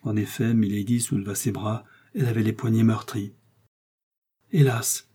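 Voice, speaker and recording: Male audiobook narrator: measured storytelling, warm-dark and husky timbre. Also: fairly low pitch, flat delivery. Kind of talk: scripted narration.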